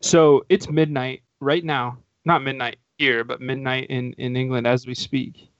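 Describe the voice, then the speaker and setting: A man's voice: medium pitch, level tone, measured pace, fairly bright tone, dry recording. A man hosting a casual football podcast, telling rambling anecdotes full of restarts. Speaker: podcast host. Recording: dull, dry lo-fi recording.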